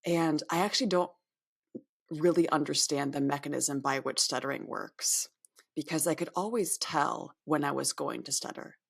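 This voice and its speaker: A podcast guest in her thirties from upstate New York speaks in a low, gravelly voice with a steady tone at a moderate pace. In this interview she is candid and reflective, often circling back and restarting her words.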